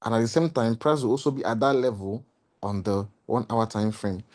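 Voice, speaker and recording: A man with a slightly hoarse voice explaining trading charts in a lesson, walking through the steps and repeating key points with rhetorical questions. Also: fairly low pitch, steady tone, a little fast, a little mellow. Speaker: trading mentor. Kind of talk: screen-share trading lesson.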